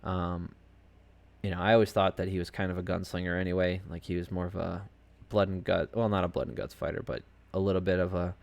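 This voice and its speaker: A man's voice: deep voice, little pitch movement, brisk, vocal fry, a little mellow. A man hosting a podcast alone, giving casual, rambling commentary on fight results from a home desk setup, full of fillers and asides. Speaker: podcast host.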